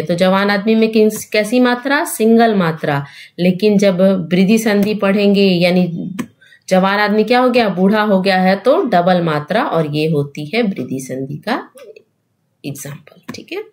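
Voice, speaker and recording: A woman's voice: mid-range voice, darkish tone. A woman teaching Hindi grammar for exam preparation, repeating the rules and asking questions back to her students, mixing English terms into her explanation. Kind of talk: exam-prep grammar lesson.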